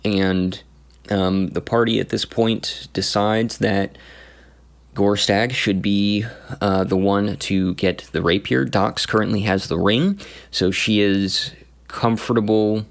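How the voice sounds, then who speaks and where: A man recounting his tabletop campaign as game master, in a casual, halting way with many pauses and restarts. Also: lowish voice, steady tone, gravelly. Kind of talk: casual story recap.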